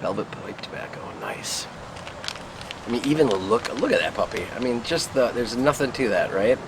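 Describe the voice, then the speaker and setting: A man giving a casual, unhurried review to camera outdoors, musing and trailing off as he puffs on a pipe. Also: mid-range voice, lively intonation. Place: outdoors in the wind. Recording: noisy outdoor recording with wind and traffic.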